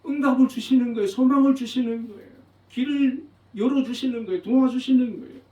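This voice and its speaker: A man's voice: very high voice, a little fast, mellow. A man pastor delivering an earnest, emphatic sermon, repeating phrases for weight. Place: church sanctuary. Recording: roomy, distant, dull church recording.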